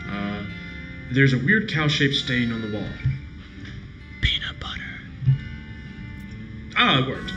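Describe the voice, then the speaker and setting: A man's voice: mid-range voice, sing-song, moderate pace, dull audio. A man hosting a let's play, reading game text aloud and adding casual comments. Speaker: gaming video host. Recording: roomy echo, music behind.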